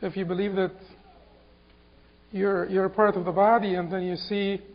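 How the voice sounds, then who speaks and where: A man from Egypt giving an Islamic lecture, halting and repeating words with many fillers. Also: high-pitched, level tone. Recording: dull lo-fi recording.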